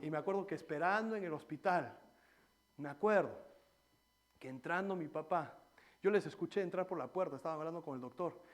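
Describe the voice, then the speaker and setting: A man preaching a sermon in church, swinging between loud exhortation and quiet personal stories. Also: on the high side, a little fast. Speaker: pastor.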